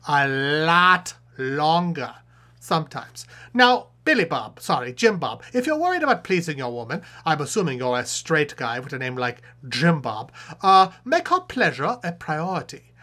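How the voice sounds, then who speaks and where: A performer voicing a cheeky male puppet professor who hosts a comedic sex-advice show, playful and jokey, with quick muttered asides. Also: medium pitch, big pitch swings, bright, forceful tone.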